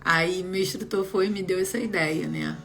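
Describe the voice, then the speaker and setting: A young adult woman, casually telling viewers a personal story in an animated, expressive way. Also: fairly low pitch, normal speed, vocal fry, faint music behind. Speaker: vlogger sharing a personal story.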